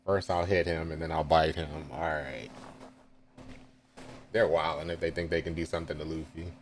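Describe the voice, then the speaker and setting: A man's voice: extremely low pitch, little pitch movement, moderate pace, slight background noise. A man reading a manga chapter aloud live and reacting with casual asides and chuckles.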